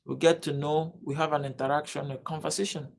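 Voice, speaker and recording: A Nigerian man teaching a live-streamed lesson keeps pleading with viewers, over and over, to comment and subscribe. His voice is fairly high and brisk, with little pitch movement and a creaky texture, and there's slight noise in the background.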